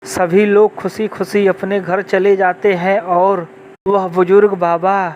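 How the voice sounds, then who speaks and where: A man's voice: high voice, level tone, slow, a little mellow. A man narrating a moral folk tale as a storyteller, reciting it plainly from a script. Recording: dull lo-fi sound, faint background noise.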